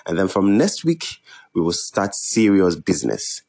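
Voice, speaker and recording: A young man with a West African accent, hosting a podcast alone in a measured, earnest way. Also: low voice, very animated, creaky, a little mellow. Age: young adult. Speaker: podcast host. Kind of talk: introductory solo podcast talk.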